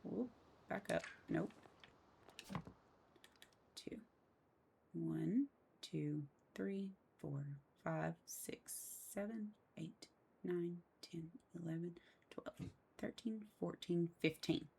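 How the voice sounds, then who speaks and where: A woman's voice: fairly low pitch, extremely slow, creaky, long pauses, husky. A woman giving a casual step-by-step voice-over for a building tutorial, counting each step aloud under her breath. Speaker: game building tutorial host. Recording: loud mouse and keyboard clicks.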